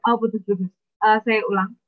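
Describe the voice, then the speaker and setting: A woman's voice: mid-range voice, flat delivery, fairly quick. Fields: Sex: woman. Role: student. Style: hesitant online class presentation. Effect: faint and choppy, phone held away. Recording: thin phone-like call audio. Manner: hesitant, many filler sounds. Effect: faint, choppy voice as if the phone is held away on a video call. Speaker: student presenting her work.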